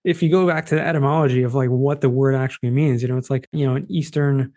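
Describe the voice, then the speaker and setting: Chatty podcast host with Boston accent. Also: male voice, medium pitch, steady tone, fast, darkish tone. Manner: loose, chatty, with many fillers. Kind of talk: casual interview chat.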